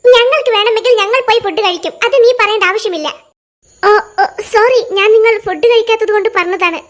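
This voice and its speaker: A voice actor playing a crowd of young cartoon schoolkids who chatter and squabble back and forth in a lively animated comedy. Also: very high voice, a little fast. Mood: awkward. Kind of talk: cartoon voice acting.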